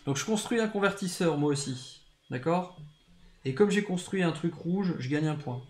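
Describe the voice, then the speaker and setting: A man's voice: on the high side, lively intonation, moderate pace, darkish tone. A man streaming a board game live, cracking dry teasing jokes and explaining the rules.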